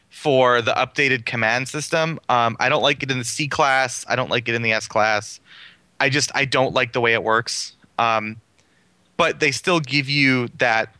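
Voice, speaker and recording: A man's voice: mid-range voice, pushed and bright, dry recording. A man reviewing a car in casual podcast chat, enthusiastic and rambling with fillers.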